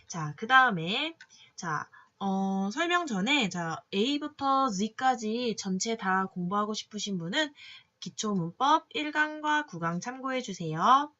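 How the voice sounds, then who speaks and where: A woman teaching English phonics in a patient classroom manner, slowly sounding out each letter and cueing students along. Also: a little high, expressive, sharp tone, highs cut off. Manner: patient, drawn-out sounding of letters, many "자" cues. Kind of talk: slow classroom phonics lesson.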